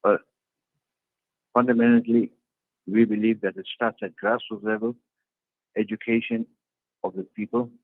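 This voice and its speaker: Over a tinny, dry video-call line, a man who serves as a party councillor gives earnest interview answers and restates his points to stress them. He speaks at a moderate pace in a gravelly, mid-range voice with fairly even intonation and many pauses.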